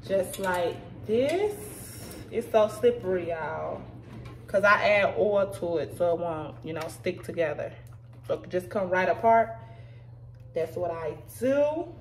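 A woman's voice: on the low side, expressive, measured pace. A woman in her thirties, a little tipsy, chatting to viewers as she walks through a home recipe in her kitchen. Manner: chatty, talks to viewers as "y'all". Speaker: vlogger cooking at home. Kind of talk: casual cooking walkthrough. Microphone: camera set back at counter. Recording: distant camera mic with room noise.

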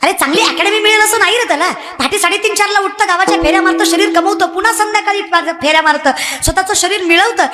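High-voiced woman preaching a kirtan. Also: quick pace, hardly any pauses. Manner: emphatic, teasing the audience. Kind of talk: devotional kirtan sermon. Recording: live performance with music behind.

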